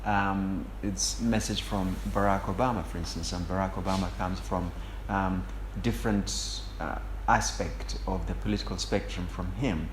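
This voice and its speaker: Male interviewer, fairly deep, formal and deliberate with mid-sentence pauses, roomy echo, slight background noise. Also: fairly even intonation. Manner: measured, wordy, pausing mid-sentence. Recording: echoey room with faint noise.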